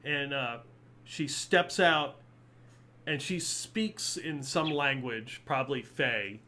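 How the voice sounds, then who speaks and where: A man's voice: mid-range voice, slow pace, sharp tone. A man narrating as game master of a tabletop game, rambling with many fillers. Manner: rambling, full of fillers and little laughs.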